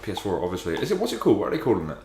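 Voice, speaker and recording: A man co-hosting a casual gaming chat, talking quickly and loosely with some swearing, recorded in a big echoey room. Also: fairly low pitch, wildly swooping pitch, a little mellow. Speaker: podcast co-host. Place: unfamiliar echoey indoor room. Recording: echoey room, roomy sound.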